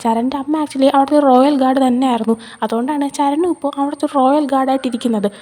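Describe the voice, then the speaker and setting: A young woman narrates a casual recap of a series episode for her channel, sliding English words into her chatty delivery. Her voice sits high and mellow, and she talks at a brisk clip. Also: fairly even intonation. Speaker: channel host.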